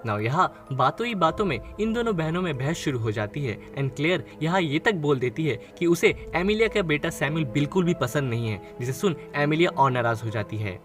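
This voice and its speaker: Man narrating a film recap, slightly high voice. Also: expressive, brisk, hardly any pauses, a bit bright, faint music behind. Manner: storytelling, mixing English phrases into Hindi. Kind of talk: scripted movie recap narration.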